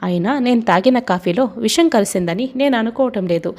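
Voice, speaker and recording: A woman's voice: medium pitch, fast, darkish tone, natural voice. A woman voicing a determined young woman. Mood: insistent. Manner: insistent, reasoning.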